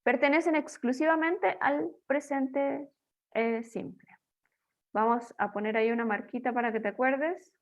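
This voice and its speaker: A woman's voice: high voice, steady tone, a little slow. A woman teaching English grammar in a playful, chatty way, explaining rules to students in a recorded lesson.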